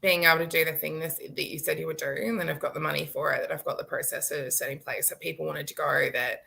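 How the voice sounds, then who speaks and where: A woman in her late thirties with a low-set, bright, forceful voice, telling a personal story over a video call. She talks animatedly, laughs often and acts out what people said. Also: steady tone, fast, vocal fry, slight background noise. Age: late 30s. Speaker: guest. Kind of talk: storytelling in a live-stream chat.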